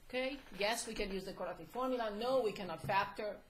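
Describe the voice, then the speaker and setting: A woman teaching a math class, hoarse and coughing, asking the class questions at a slow pace. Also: medium pitch. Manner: slow, deliberate, prompting questions. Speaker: math instructor. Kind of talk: classroom lecture. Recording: echoey classroom, faint noise.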